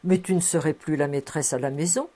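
A woman voicing a bashful, eager middle-aged bachelor who is easily flattered. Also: deep voice, fairly quick.

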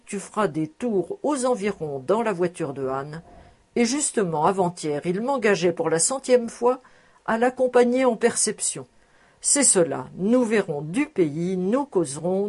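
A woman voicing a comfortable, easygoing bachelor man who speaks in a calm, reassuring way in an audiobook. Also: medium pitch, breathy edge. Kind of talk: audiobook character reading.

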